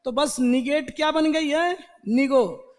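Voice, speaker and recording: An Indian man teaching an online exam-prep lesson, breaking words into slow drawn-out syllables and repeating them. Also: extremely high pitch, long reverb tail. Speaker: English teacher.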